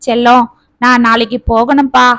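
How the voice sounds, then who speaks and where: A woman's voice: a little high, flat delivery, normal speed, fairly bright tone, no echo. A woman voicing a regretful grown son and father, speaking in a sorrowful, self-reproaching way.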